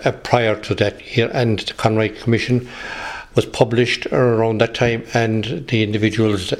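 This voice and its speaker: An older man in his 60s from Galway, with a low west of Ireland accent, recalls the past in an interview as a retired police officer. His tone is level and his delivery halting and hesitant, with repeated words.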